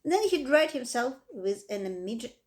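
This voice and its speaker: A woman reading a children's book aloud with expressive, dramatic emphasis. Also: on the high side, normal speed. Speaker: reader. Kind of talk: storybook read-aloud.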